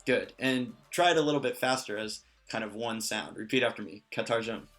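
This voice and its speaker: A man teaching a language lesson in a relaxed way, with many fillers and joking asides. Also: on the low side, fairly quick, soft background music. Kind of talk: casual lesson.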